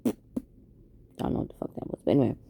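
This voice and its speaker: Talking quickly to camera late at night, this Queens, New York vlogger of about forty makes a candid confession, reflective and hesitant, full of ums and restarts. The sound is lo-fi with a little hiss or hum.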